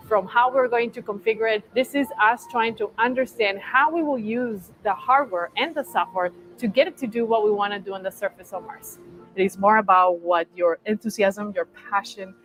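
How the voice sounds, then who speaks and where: A woman from Colombia with a Colombian Spanish accent, Spanish being her first language, explaining her robotics work with earnest enthusiasm in a documentary interview. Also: mid-range voice. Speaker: robotics engineer.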